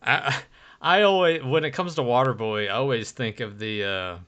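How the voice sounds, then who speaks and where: A man co-hosting a podcast, talking in a loose, joking way and cursing now and then. His voice is bright and clear, with a crisp, polished edge. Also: medium pitch, moderate pace. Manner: loose and jokey, swears freely. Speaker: podcast co-host. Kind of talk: casual chat.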